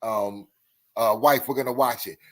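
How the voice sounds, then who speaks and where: A man's voice: mid-range voice, fairly even intonation, normal speed. A man hosting a live chat stream, talking emphatically and often repeating himself. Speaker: host.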